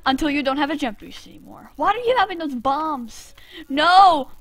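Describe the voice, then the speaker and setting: Excitable high-voiced young woman gaming. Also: fairly quick, no room sound. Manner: excitable, frequent yelps and laughs. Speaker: gamer host. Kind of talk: casual game commentary.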